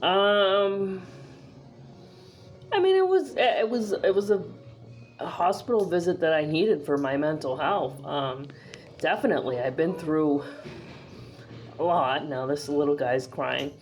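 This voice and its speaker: Slow, chatty woman vlogger. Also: low-pitched, expressive, a little mellow. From northeastern US. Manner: chatty and rambling, with many fillers and restarts. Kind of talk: casual talking-to-camera vlog.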